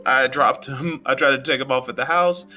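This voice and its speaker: Male podcast storyteller, lively delivery, bright tone, faint music bed. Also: medium pitch, normal speed. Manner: animated, acts out quotes.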